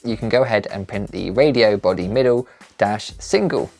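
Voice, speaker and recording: A man presenting a maker channel delivers scripted tutorial narration, guiding viewers methodically step by step. His fairly low voice is gravelly and a little mellow, at a moderate pace, with background music underneath.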